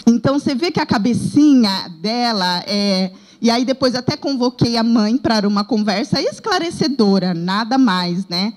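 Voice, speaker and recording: A woman with a Brazilian Portuguese accent recounts a classroom episode with earnest storytelling, her voice sitting a little high. She speaks as a daycare director sharing a report at a workshop. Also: expressive, moderate pace, hardly any pauses, rough recording. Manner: earnest storytelling, reenacting dialogue.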